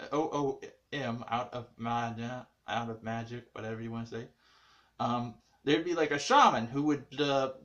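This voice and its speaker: A man recapping an anime episode in casual chat, rambling with lots of fillers and restarts, swinging between muttered asides and excited bursts. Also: mid-range voice, dull audio. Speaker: anime reviewer.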